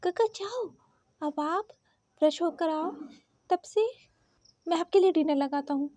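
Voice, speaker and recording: A woman's voice: very high voice, a little slow, dark tone, no echo. A woman voicing a sweet, sulky young man who whines and pouts, in a read-aloud fan story. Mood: pouting. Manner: whiny, pouting, sulky. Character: pouting sweet young male omega, childlike.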